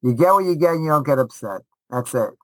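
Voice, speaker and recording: A man who is a rabbi and high school teacher gives casual interview answers in a slightly high, expressive voice, talking fast. He speaks emphatically and often repeats short phrases for stress. There's no echo, but the audio is poor.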